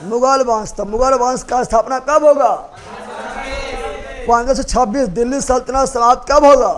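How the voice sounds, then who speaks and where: A man's voice: very high voice, normal speed, a crowd in the background. A man teaching history to a class, repeating points, quizzing students and joking with rhymes. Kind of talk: classroom lecture with mnemonics.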